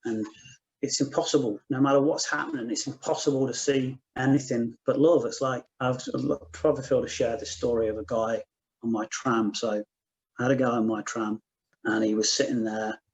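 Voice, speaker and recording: A middle-aged man giving a gentle personal testimony at a spiritual meeting, circling back and repeating himself as he speaks. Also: medium pitch, fairly even intonation, normal speed, low-quality recording. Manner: soft-spoken, many restarts and repeated "just". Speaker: guest speaker.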